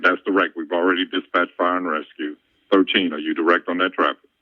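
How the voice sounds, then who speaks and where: A man working as police dispatcher, giving brisk call-outs and directions over the police radio. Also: sits low, little pitch movement, no room sound. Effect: police radio transmission. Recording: muffled archived radio call.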